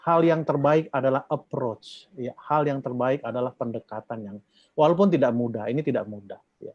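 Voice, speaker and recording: A man's voice: mid-range voice, moderate pace, darkish tone, no room sound. A man from the Batak region giving an informal talk to a church group, rambling with fillers and asking questions for the group to finish. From Batak, North Sumatra. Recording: dull, dry lo-fi recording.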